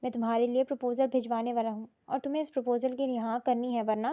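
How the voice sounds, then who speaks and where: A woman narrator voicing a domineering young man who speaks softly, mocks and threatens. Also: a little high, close to an everyday voice. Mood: menacing. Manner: calm, mocking, then roaring.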